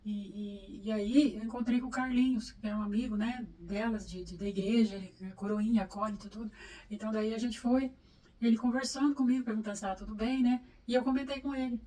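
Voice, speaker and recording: A middle-aged Brazilian mother telling a story quickly and anxiously, often repeating words. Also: a little high, fairly even intonation, warm tone, recorded from a distance, rough recording. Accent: Brazilian Portuguese. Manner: anxious, fast, stumbling repeats. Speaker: interviewee, mother. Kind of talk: personal storytelling.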